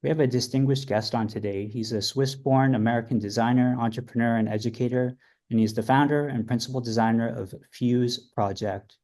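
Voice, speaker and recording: A man hosting an interview podcast, welcoming his guest and asking numbered questions in an upbeat, brisk way. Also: mid-range voice, steady tone, darkish tone. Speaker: podcast host.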